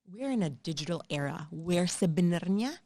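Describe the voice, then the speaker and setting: A woman's voice: on the low side, expressive, normal speed, dark tone, dry recording. A middle-aged woman hosting a podcast, chatting casually and posing rhetorical questions while mixing English and Indonesian. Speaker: podcast host.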